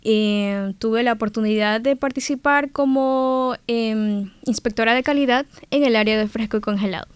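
A woman's voice: on the high side, normal speed, hardly any pauses, clear, resonant tone, no echo. A young Ecuadorian woman in her twenties, a cheerful exchange student who laughs often while answering radio interview questions. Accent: Ecuadorian Spanish. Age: 20s.

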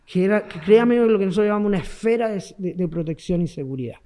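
A man's voice: high-pitched, fast, dark tone. A man with a Chilean accent, the guest expert in a broadcast interview, explaining emphatically and repeating key words. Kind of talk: radio and TV interview.

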